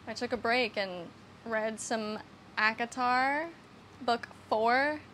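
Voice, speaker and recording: Speaking slowly in a fairly high, bright voice, a young woman vlogs about her new camper trailer and the land outside it. She rambles, pokes fun at herself, swears casually and laughs a lot. A bit of hiss or hum runs under the recording.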